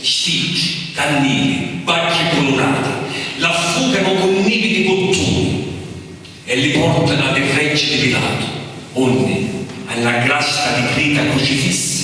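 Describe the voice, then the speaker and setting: Slow Sicilian man reciting in an echoing hall. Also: a little high, bright, forceful tone. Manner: declamatory, solemn, deliberate phrasing. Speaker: poetry reciter. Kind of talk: dramatic recitation of religious dialect poetry. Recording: distant mic in echoey hall, faint noise.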